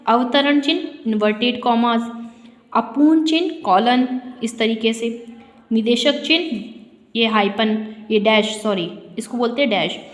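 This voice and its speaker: A woman teacher leads a grammar lesson, speaking in a slightly high voice. She explains slowly and deliberately, stopping often to pose rhetorical questions to her pupils. The room rings with a long, echoing reverb. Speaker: school teacher.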